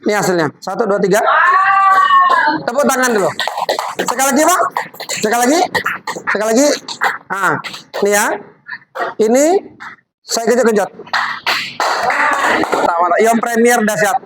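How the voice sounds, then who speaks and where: A woman's voice: a little high, expressive, moderate pace, pauses often. A woman giving a live product demonstration to a group, chatty and coaxing as she directs volunteers. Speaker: MLM product presenter. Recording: audience crowd noise behind.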